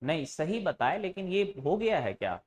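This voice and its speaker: In a classroom lecture, a high-voiced man speaking at normal speed is very animated, his pitch rising and falling a lot as he fires off questions and answers them himself. He keeps things informal and sometimes teases the class.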